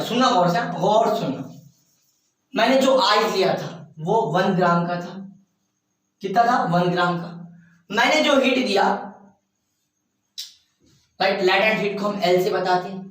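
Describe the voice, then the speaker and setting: A man's voice: high-pitched, a bit bright, recorded from a distance. Man lecturing in a very echoey room. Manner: asks questions and answers them himself; stretches out key terms word by word. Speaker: physics teacher. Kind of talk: classroom lecture.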